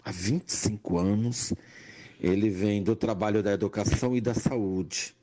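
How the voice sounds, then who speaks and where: Older Pernambucan man, nurse-educator; slow, measured testimony with rising emphasis. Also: on the low side, steady tone, mellow. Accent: Pernambuco Portuguese. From Brazil, Pernambuco. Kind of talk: personal testimony monologue.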